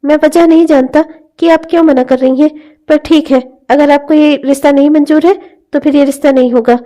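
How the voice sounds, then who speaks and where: A woman's voice: sits high, fairly even intonation, lightly acted. Woman doing a devoted earnest young man. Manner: earnest, slow and gentle.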